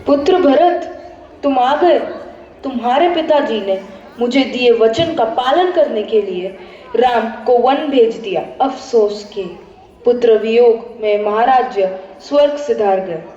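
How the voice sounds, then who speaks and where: A woman plays a proud stepmother queen who presses her demands slowly and deliberately. Her fairly high voice rings through a long hall reverb and sounds dull and muffled. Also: dark tone, some chatter behind, close to an everyday voice. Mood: cold.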